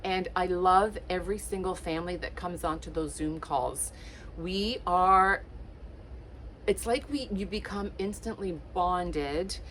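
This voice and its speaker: Speaking a little slowly in a voice on the low side, a lifestyle vlogger in her late fifties from Portugal chats to camera with plenty of ums and likes. Her tone is warm and encouraging. A faint hiss or hum runs through the low-quality recording.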